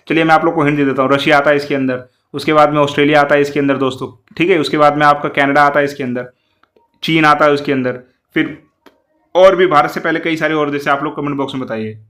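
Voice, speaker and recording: A man's voice: fairly high pitch, a bit bright. A man teaching an exam-prep lesson, walking through quiz answers and repeatedly putting questions to his students. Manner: fast, repetitive, keeps asking the class questions.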